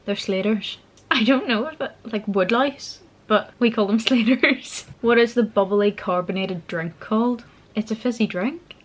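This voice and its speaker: A woman's voice: fairly high pitch, measured pace. A young woman with a Northern Irish Belfast accent, chatting informally and a little giggly as she explains local words. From Northern Ireland. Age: young adult. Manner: giggly, informal, self-deprecating. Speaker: vlogger. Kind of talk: casual chat explaining local slang.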